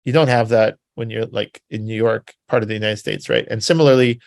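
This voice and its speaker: Gravelly man giving a rambling talk. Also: on the low side, steady tone, brisk, dry recording. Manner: rambling and conversational with many filler words and tag questions. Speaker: presenter. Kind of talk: informal spoken history talk.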